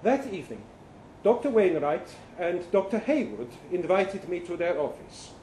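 In a dramatic first-person short story reading, a man voices an earnest, bewildered professor who claims to come from the future. His voice is high and soft-edged with big pitch swings, and his formal, precise phrasing halts and hesitates in a careful, puzzled mood. It's a live literary event indoors, in a roomy venue with faint background noise.

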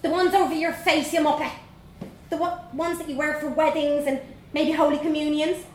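A woman's voice: high-pitched, flat delivery, moderate pace, pitched above the performer's own voice, close to an everyday voice. A woman voicing a brash, bossy little girl in her communion dress, with a crude, cheeky way of talking. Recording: echoey room, faint noise.

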